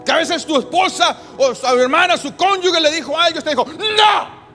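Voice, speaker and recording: A male pastor with a strikingly high voice delivers an emphatic sermon. He weaves in personal stories and leans on long, deliberate pauses. Soft music plays faintly behind him. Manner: storytelling, emphatic, with drawn-out pauses.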